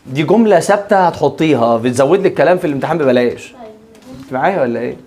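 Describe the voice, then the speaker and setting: A man with an Egyptian Arabic accent gives a classroom lecture, lively and joking with students while often checking that they're keeping up. His voice is fairly high and rapid-fire.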